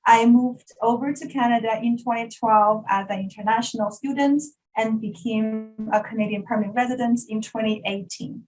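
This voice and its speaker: A woman from China, a native Mandarin speaker with a Mandarin Chinese accent, politely and formally introduces an online workshop over a video call as its facilitator and an educational developer. Her prepared presentation comes in a slightly high, a little mellow voice with fairly even intonation, moderate pace, and few pauses. The low-quality recording has faint music behind.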